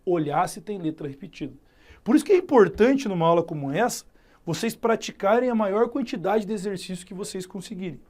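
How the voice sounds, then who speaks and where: A man's voice: sits high, brisk. A middle-aged Brazilian man teaching logic in a recorded video lesson, telling a story and working through the problem step by step. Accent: Brazilian Portuguese. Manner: storytelling, animated, thinks aloud step by step. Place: Curitiba, Brazil.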